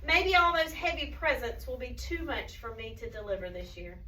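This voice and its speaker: A gentle, tired old Father Christmas read by a woman in her own bright register, kindly and expressive. The recording is echoey and distant. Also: a little high, normal speed. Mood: weary. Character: kind, weary Santa Claus, gentle old storybook man. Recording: echoey room, distant mic, background noise.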